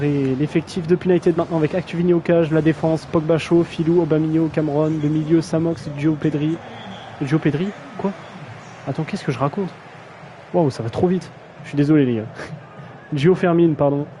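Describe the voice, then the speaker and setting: A man's voice: a little high, steady tone, normal speed, dark tone, a little hiss or hum, low-quality recording. A young man casually commentating a video game match on a live stream, slangy and self-mocking, often stumbling over player names.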